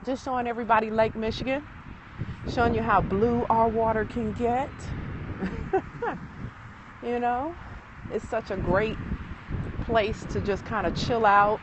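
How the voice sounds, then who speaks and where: A woman's voice: a little high, fairly even intonation, moderate pace. A woman real estate agent chatting casually on a live-stream walk along a lakefront, rambling with fillers and a little out of breath. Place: outdoors by a city lakefront. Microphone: phone held while walking. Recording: outdoor phone recording with traffic noise.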